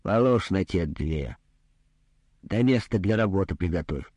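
A man reads as a greedy, rude doctor who grumbles and talks down to his patient. The voice is low and husky, with a dark tone that swings in pitch, and it sits dry and close in a comic storybook reading. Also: animated, a little slow, dry recording, heavily acted. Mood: gruff. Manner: brusque, condescending, grumbling. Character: greedy gruff male doctor, rude and businesslike.

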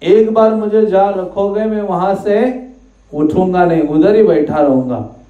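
A man's voice: high-pitched, a little slow. Man voicing a stubborn talking mountain. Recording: roomy, distant, dull hall recording.

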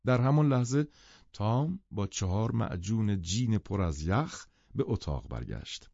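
A man reads a novel aloud with a measured, even delivery. His voice is low and mellow. The recording is dry and a little dull. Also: creaky, dry recording. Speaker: audiobook narrator. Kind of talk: scripted literary narration.

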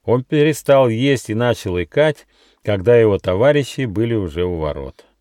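Lively man reading a fairy tale. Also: on the low side, normal speed, dry recording, studio quality. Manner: expressive, lively storytelling. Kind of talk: audiobook fairy-tale narration. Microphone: studio mic.

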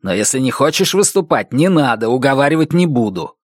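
A man's voice: mid-range voice, very animated, a little fast, no room sound. A stern young violinist gives clipped, commanding orders, as a man reading the tale voices him. His tone is harsh and gives no ground. The sound is dry and close. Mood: bitter. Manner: curt, commanding. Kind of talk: audiobook reading.

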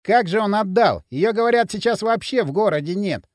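A man voicing a calm, thoughtful young leader of a street gang. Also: sits high, no room sound, clean studio sound. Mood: cool. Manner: measured and cool.

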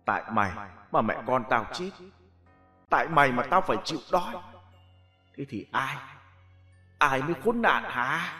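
A man's voice: mid-range voice, expressive, moderate pace, pauses often, pushed and bright, faint music behind. A man voicing the vengeful ghost of a young boy, hissing and full of reproach. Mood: hateful.

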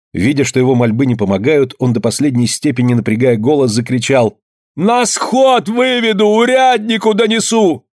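A man narrating an audiobook in a measured, grave storytelling manner. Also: medium pitch, darkish tone, husky, no echo, studio quality. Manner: measured, grave storytelling, slowing at somber moments.

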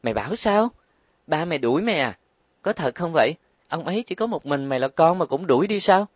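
A man's voice: mid-range voice, lively intonation, brisk, no echo, natural voice. A man reading an audiobook, voicing a blunt, outspoken young woman who scolds and exclaims. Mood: surprised.

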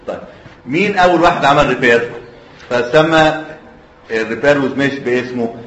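A surgery lecturer with an Egyptian Arabic accent speaks fairly quickly in a mid-range, somewhat bright voice. He quizzes his class and lets students finish his sentences, captured in an echoey hall on dull, lo-fi audio.

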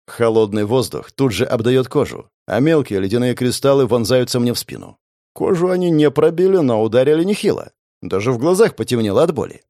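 A man's voice: mid-range voice, expressive, a little fast, dark tone, no echo, clean studio sound. A man giving gritty, intense first-person fantasy audiobook narration, swearing now and then.

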